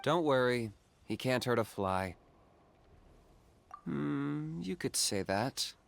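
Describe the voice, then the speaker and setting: An actor playing a calm, aloof young hunter in a video game, speaking in a measured, deadpan way. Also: male voice, medium pitch, gravelly. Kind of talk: game voice acting.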